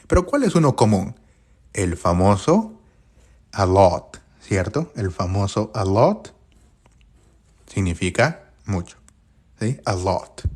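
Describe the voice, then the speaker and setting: A man's voice: low-pitched, a little mellow, husky. A man teaching English grammar in a live-streamed lesson, constantly asking viewers questions and repeating their answers back.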